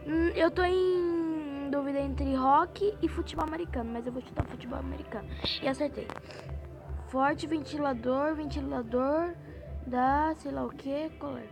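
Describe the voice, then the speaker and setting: Brazilian girl gaming, stuffy nose and hoarse, kinda gravelly, game music playing behind her. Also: high voice, moderate pace. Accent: Brazilian Portuguese. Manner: thinks aloud, guessing answers, mild swearing. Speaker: gaming channel host. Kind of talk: casual gameplay commentary.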